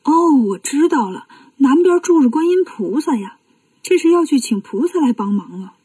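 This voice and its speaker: A woman's voice: sits high, big pitch swings, normal speed, mellow, no room sound, far from the mic. Woman storyteller as a boastful demon boy, mocking, close dry mic. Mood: cocky. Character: cocky fire-breathing demon boy. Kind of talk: children's storybook reading.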